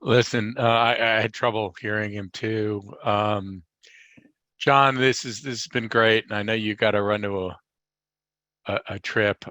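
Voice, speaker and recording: A man's voice: fairly low pitch, fairly even intonation, unhurried, bright, forceful tone, no room sound, highs cut off. A man acting as moderator, speaking casually as he thanks and steers a guest. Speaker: host or moderator.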